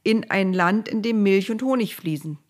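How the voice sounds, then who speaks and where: A woman reading a storybook aloud, voicing God speaking from a fire in solemn, deliberate, repetitive proclamations. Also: medium pitch, voice pushed up, lightly acted.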